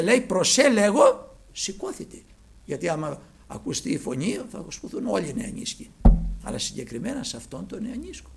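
A man preaching a sermon, swinging from loud cries to hushed near-whispers. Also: high-pitched, gravelly, slightly rough.

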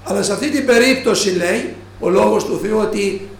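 A man preaching a sermon who slows down and stresses each quoted line of scripture. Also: sits high. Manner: slow, stressed quoting of scripture. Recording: echoey room.

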